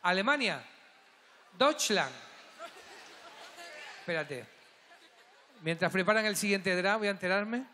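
A man's voice: high voice, expressive, slow pace, pauses often, bright, forceful tone. A man hosting a live gala, joking and teasing the audience in a camp way. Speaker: gala host. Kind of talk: live stage banter with the audience. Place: large hall at a live gala. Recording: echoing hall, crowd noise.

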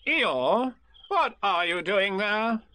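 Fussy male rabbit, commanding, high, lively, acted by a man. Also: extremely slow, exaggerated voice. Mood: eager.

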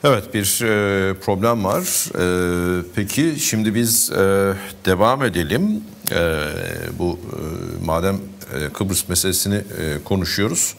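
Deep-voiced male talk show host. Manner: polite, halting with fillers. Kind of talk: moderating a panel discussion.

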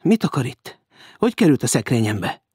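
A man's voice: mid-range voice, big pitch swings, a little mellow, husky, no room sound, studio quality. A man voicing a flustered, indignant young woman who scolds in alarm, in an audiobook.

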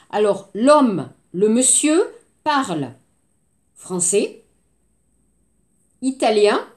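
A woman teaching a French lesson, drilling phrases slowly and repeatedly and switching between French and Korean. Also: high voice. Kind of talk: language lesson.

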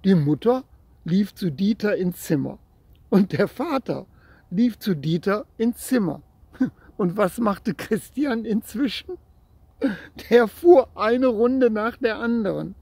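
A man reads a children's story aloud at an unhurried pace, talking gently to a child listener. His voice is husky with a gravelly edge, and the recording is close and dry with no room sound. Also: sits high, animated, dry recording.

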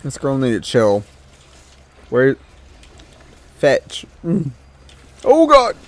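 Slow-talking man streaming a game. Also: medium pitch, expressive, darkish tone. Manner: laid-back, joking. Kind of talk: casual gameplay chat.

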